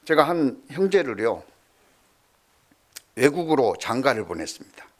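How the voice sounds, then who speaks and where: Lively storytelling male pastor. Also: mid-range voice, unhurried. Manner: storytelling with lively swings from loud to hushed. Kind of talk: sermon.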